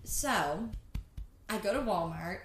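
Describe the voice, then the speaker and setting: A woman's voice: mid-range voice, animated, slow pace. An American woman podcast host telling comedic stories casually, with a sassy, theatrical drag-queen-style flair. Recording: roomy echo, faint background noise.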